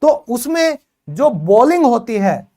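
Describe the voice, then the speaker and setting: A man's voice: extremely high pitch, very animated, takes it slowly, mellow. A man teaching English phonics, explaining in Hindi, praising and quizzing his students as he goes. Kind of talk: classroom phonics lesson.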